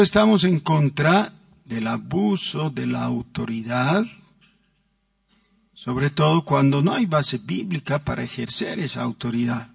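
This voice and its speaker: A man's voice: fairly high pitch, vocal fry, breathy edge, no echo, recorded from a distance. A man preaching a sermon as pastor, stressing words and acting out quoted voices. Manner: emphatic, drawn-out words with acted quotes.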